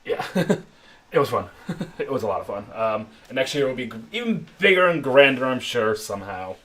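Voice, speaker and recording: A man's voice: mid-range voice, sing-song, moderate pace, fairly bright tone. Chatty man hosting a tabletop game. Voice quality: chatty, laughs between sentences. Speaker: game master.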